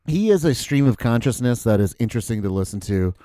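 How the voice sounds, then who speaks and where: A man co-hosting a podcast in loose, rambling chat, his pitch rising and falling in a lively way. He swears freely, and the sound is close and dry. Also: fast talker, no echo. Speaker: podcast co-host. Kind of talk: casual chat watching a movie.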